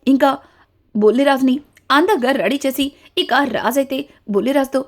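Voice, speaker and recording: A woman narrating a steady, story-style recap of a TV serial episode, linking each event to the next. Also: sits high, normal speed. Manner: steady retelling, links events with repeated connectives.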